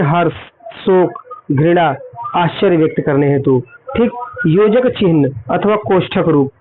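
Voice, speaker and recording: A man's voice: high voice, slight background noise. A man teaching an exam-prep grammar lesson, explaining step by step and asking questions he then answers himself. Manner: explanatory, repeats points and asks then answers quiz questions. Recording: tinny phone-like audio.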